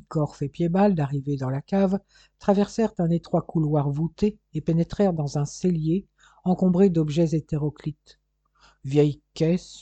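Dark, husky audiobook narrator. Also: medium pitch, no echo. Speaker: audiobook reader. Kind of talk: scripted narration of a detective novel.

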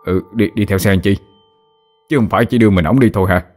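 A man's voice: fairly low pitch, fast, darkish tone, faint music behind, lightly acted. A man voicing a cowardly, selfish middle-aged son who stammers and whines in fear. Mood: confused. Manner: stammering, whining.

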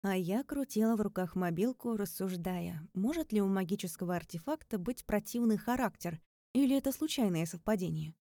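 A woman narrates a first-person story with a wry edge. Her voice is warm and mellow. The recording is dry and close to the mic. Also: medium pitch, expressive, brisk, no echo. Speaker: audiobook narrator. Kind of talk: scripted narration.

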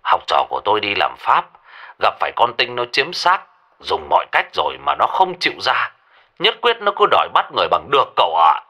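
A man voicing a hurried village monk with an urgent, rushed delivery. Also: lowish voice, huge pitch swings, bright, forceful tone, heavily acted. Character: hurried middle-aged male village monk.

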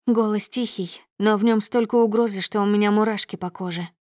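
A woman's voice: medium pitch, fairly even intonation, fairly quick, a little mellow, dry recording, clean studio sound. Woman narrating a dramatic audiobook. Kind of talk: first-person audiobook narration.

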